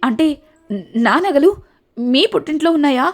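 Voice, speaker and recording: A woman's voice: high-pitched, moderate pace. A woman voicing a scheming young daughter-in-law who fakes tears and panics when caught, as in a recapped TV serial. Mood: whiny, panicked. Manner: feigned tearful complaining.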